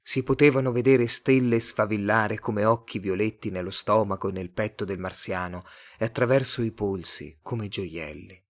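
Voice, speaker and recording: A man from Italy reading a short story aloud as an audiobook narrator, measured and expressive. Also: lowish voice. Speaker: audiobook reader. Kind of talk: scripted literary narration.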